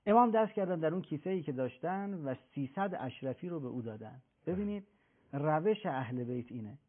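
A man's voice: fairly high pitch, expressive. A man speaking as a religious scholar on a talk show, telling a pious story earnestly and quoting the figures in it. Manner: earnest, preaching, recounts tales with quoted voices. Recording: thin phone-like broadcast sound.

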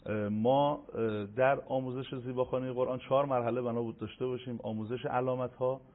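A man's voice: mid-range voice, steady tone. Man teaching recitation over a tinny line. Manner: measured, explanatory, stresses Arabic letters when giving examples. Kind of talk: televised lesson.

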